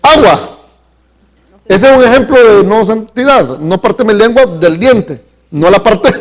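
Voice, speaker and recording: A man with a notably high voice preaches to his congregation in a church sanctuary. He leans on key words, drawing them out for emphasis. He keeps turning to the listeners with questions. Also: expressive, measured pace. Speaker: pastor. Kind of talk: live sermon.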